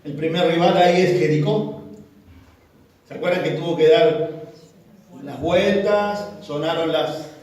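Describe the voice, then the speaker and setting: A woman's voice: lowish voice, a little slow, long pauses, a little mellow. A woman preacher, giving an emphatic sermon and asking the congregation questions. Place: church hall. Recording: echoey church hall, from far off.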